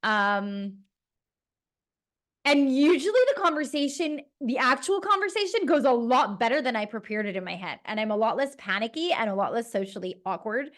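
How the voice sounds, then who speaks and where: A woman's voice: fairly high pitch, animated, normal speed. A woman from Toronto, a personal trainer talking in a casual, rambling monologue full of fillers. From Toronto, Canada. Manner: chatty and rambling, with many fillers.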